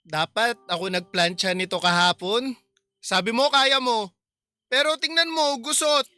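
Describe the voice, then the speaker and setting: Childlike simple-minded young husband, a woman doing him, high bright voice, keeps repeating himself, radio drama. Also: unhurried, no echo. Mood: fixated, insistent. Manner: repetitive, insistent, childlike.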